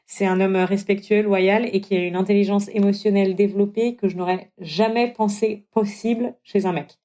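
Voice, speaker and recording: A young woman tells her own story in a relaxed podcast chat. Her pitch sits in the middle, and she jumps up high when she mimics people or gets worked up. The delivery is animated and casual. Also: normal speed. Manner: animated, acts out dialogue with big pitch jumps. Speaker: guest telling her story.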